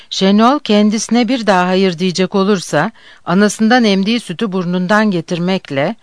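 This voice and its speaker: An audiobook narrator reading a novel aloud in a measured, even way. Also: mid-range voice, no echo, clean studio sound.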